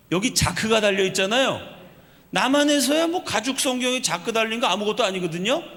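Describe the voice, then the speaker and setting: A man's voice: high-pitched, a bit bright. A male pastor preaching a sermon, asking his congregation questions and acting out the stories he tells. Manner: asks the congregation rhetorical questions; tells stories and acts out quoted speech. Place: church sanctuary. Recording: reverberant church hall.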